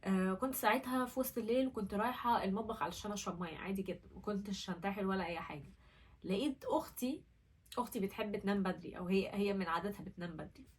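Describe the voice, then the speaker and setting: A woman's voice: mid-range voice, rapid-fire, slightly rough, distant mic. A young woman with an Egyptian Arabic accent tells her own story in an earnest, candid and emotional way. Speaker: vlogger. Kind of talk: personal storytelling vlog.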